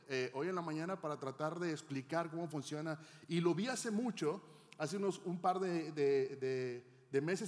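Middle-aged guy preaching, kinda high voice, lots of echo in the church, keeps asking the crowd questions. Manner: teaching, asks the congregation questions. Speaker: pastor. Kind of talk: sermon. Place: church hall. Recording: long hall reverb.

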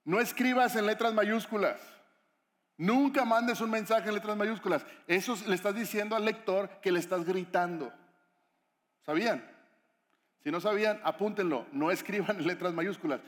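A man's voice: high-pitched, moderate pace. A man preaching a sermon as a pastor, conversational and often asking his listeners questions. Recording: echoey hall reverb.

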